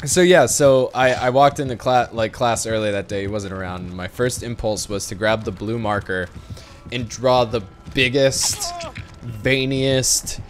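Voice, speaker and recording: Young man, casual, headset, swearing, laughing, animated storyteller. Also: medium pitch, unhurried, soft background music. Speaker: streamer telling a story. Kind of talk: casual chat.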